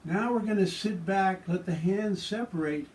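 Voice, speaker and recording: A man giving guided tai chi and qigong movement instruction with calm, soothing, relaxed cues. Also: sits high, normal speed. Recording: distant microphone.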